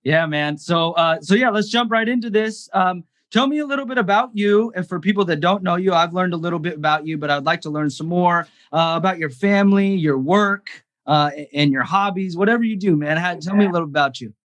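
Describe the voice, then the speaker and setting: A man's voice: high voice, fairly quick, hardly any pauses, a bit bright. A man hosting a real estate podcast, enthusiastic, often repeating words as he talks. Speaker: podcast host. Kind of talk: casual interview.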